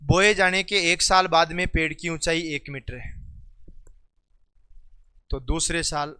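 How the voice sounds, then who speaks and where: A male classroom teacher with a Rajasthani accent and a bright, crisp, clear voice. He teases and coaxes his students by name, calling out loudly, then drops lower to explain problems step by step. The sound is dry and close. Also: moderate pace, dry recording. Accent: Rajasthani Hindi. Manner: teasing, coaxing students by name; loud calls to class, then quieter explaining. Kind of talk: classroom lesson.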